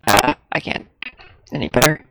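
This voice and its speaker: A man's voice: moderate pace, background noise. A man speaking as a podcast guest over a voice-chat connection that comes through broken and distorted, in casual chat with a dry, offhand manner.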